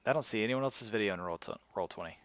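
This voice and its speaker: A man's voice: lowish voice, expressive, quick pace, fairly bright tone, dry recording. A man hosting a live stream in an upbeat, chipper manner, like a game show host. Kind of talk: casual live-stream chat.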